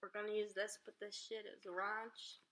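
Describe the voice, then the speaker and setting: A woman's voice: mid-range voice, flat delivery, moderate pace, very noisy. A young woman co-hosting a casual chat among friends, with blunt, playful banter. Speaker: video co-host.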